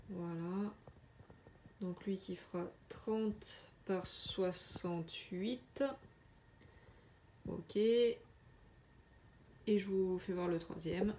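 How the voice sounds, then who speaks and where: A woman chatting casually through a craft unboxing, hesitant with many filler pauses. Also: on the low side, mellow, a little hiss or hum. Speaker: diamond painting vlogger.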